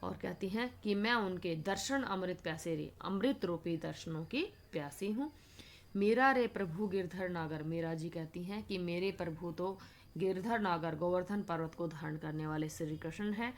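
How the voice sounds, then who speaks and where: A Hindi literature teacher, a woman, recites devotional verses line by line and then explains each word in a patient lecture. Her voice sits on the low side and moves at a moderate pace, in a line-by-line poetry explanation lesson.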